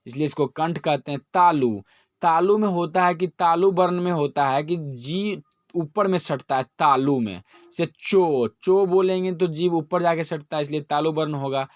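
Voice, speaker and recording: A young man teaching a grammar lesson, slowly drawing out each letter sound as he explains. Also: on the high side, no echo, clean studio sound. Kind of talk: classroom-style grammar lesson.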